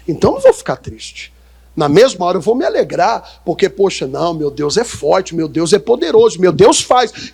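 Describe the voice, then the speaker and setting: A Brazilian-accented male pastor preaching in church, with a high voice. He keeps firing questions at his congregation and waits for answers. Quoted speakers get sudden, sharp leaps in pitch. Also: slightly rough. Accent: Brazilian Portuguese. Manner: call-and-response, questioning the congregation. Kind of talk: sermon.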